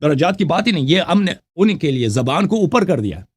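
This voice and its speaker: A man hosting a heated call-in debate, his voice swinging widely and sitting slightly high for a man. He talks over the caller with sharp commands and breaks into recited verses. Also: big pitch swings, husky. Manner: interrupts often, commanding, reads scripture aloud in Arabic. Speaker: call-in show host.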